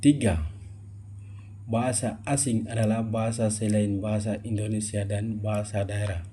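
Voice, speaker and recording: A young man, a university student, giving a steady formal reading of a regulation for a class video. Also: fairly low pitch, normal speed, a little hiss or hum.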